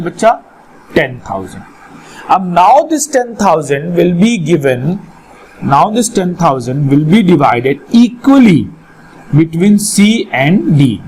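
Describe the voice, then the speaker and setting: A man's voice: high voice, darkish tone, slight background noise, poor audio. A man with a North Indian accent teaching a live online lesson, questioning and instructing students and often repeating his phrases. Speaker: accountancy teacher.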